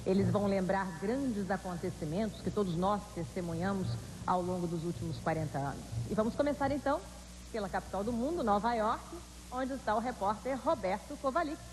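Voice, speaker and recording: A woman's voice: mid-range voice, animated, brisk. A woman with a Brazilian accent hosting a news show in a scripted but conversational style. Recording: reverberant hall with faint noise.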